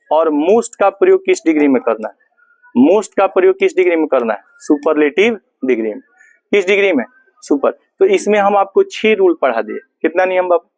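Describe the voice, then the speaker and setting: Male teacher with a Bihari accent, high voice, dry close sound, quizzes the class nonstop and answers his own questions. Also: a little mellow, no room sound, poor audio. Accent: Bihari Hindi. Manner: drills students with repeated questions and answers. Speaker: English grammar teacher. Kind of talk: classroom lesson.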